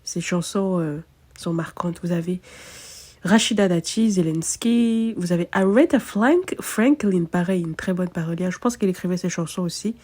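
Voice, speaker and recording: A woman's voice: lowish voice, warm tone. A woman, an astrologer chatting casually and self-mockingly, thinking aloud with many fillers. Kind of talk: casual chat to camera.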